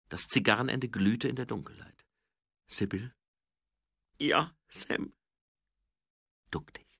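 A man narrating an audiobook with an expressive, dramatic reading. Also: mid-range voice, slightly rough, no room sound, clean studio sound.

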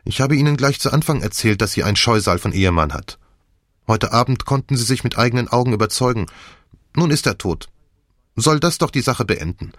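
A man voicing an agitated young woman who talks in a hurried, urgent way. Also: mid-range voice, lively intonation, a bit bright, dry recording, clean studio sound, pitched above the performer's own voice, natural voice. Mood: urgent, pleading.

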